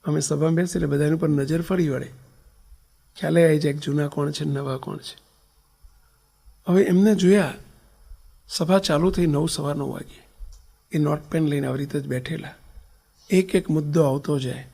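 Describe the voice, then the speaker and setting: A man with a Gujarati accent, a swami telling a story in a sermon, his voice rising loud and then falling to a near whisper. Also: on the high side, steady tone, normal speed, vocal fry, pauses often, slightly rough. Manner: swings between loud stressed lines and soft, near-whispered ones. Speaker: swami giving a religious discourse.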